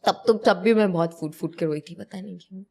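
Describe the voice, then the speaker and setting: A young woman, a TV actress, chatting as a guest and telling lively stories from the set, mixing English phrases into her speech. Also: lowish voice, a little fast, gravelly, breathy edge. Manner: animated storyteller, mixes in English phrases. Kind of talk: casual interview chat.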